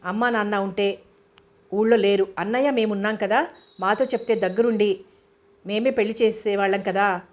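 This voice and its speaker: A woman's voice: mid-range voice, level tone, normal speed, close to an everyday voice. A woman voicing a stern, protective elder sister who scolds her younger brother, read in an audiobook. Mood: scolding. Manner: scolding, exasperated. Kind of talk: audiobook character reading.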